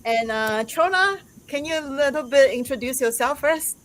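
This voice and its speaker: A woman hosting a casual live-stream chat, laughing often and pausing on fillers. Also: high-pitched, expressive, very noisy. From Taiwan. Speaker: host.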